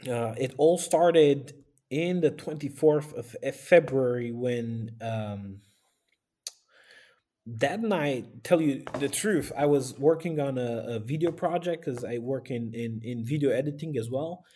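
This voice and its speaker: A man, speaking earnestly and haltingly as an interview guest, with sighs. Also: mid-range voice, dark tone, slight background noise. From Romania. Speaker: guest, aid volunteer and former pastor. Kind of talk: casual interview talk.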